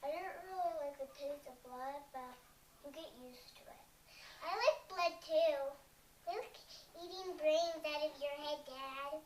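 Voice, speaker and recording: A man plays a gleeful young zombie son with a very high voice, chirping happily and plainly about squishy, bloody brains. He sounds echoey and distant, with faint noise behind. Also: a little slow. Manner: eager, matter-of-fact about gore.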